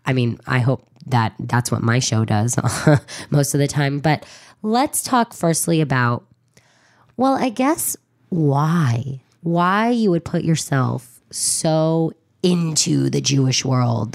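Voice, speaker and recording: A woman with an extremely low, slightly mellow voice hosts a radio interview in a studio, chatty, informal and effusive, often breaking off mid-thought. Part of the conversation has her reading a bio.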